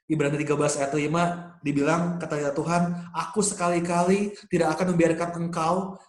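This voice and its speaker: A man preaching a sermon as pastor, earnest and mixing in English phrases. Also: mid-range voice. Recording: roomy echo.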